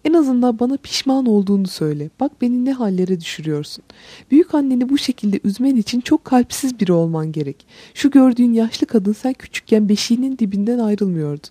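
A woman's voice: a little high, lively intonation, quick pace, dark tone, slightly rough, no room sound. A woman voicing a frail, grieving old grandmother who pleads tearfully in a storybook reading. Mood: pleading.

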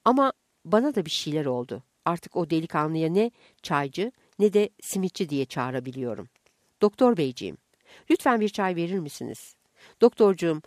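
A woman reading a humorous story aloud with expressive narration. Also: low-pitched, no room sound, clean studio sound.

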